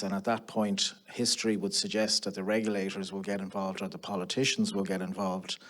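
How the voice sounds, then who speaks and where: An Irish man speaks on a conference panel, measured and deliberate, with a fairly low voice. He lays out his points earnestly and at an even pace. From Ireland. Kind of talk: round-table panel talk.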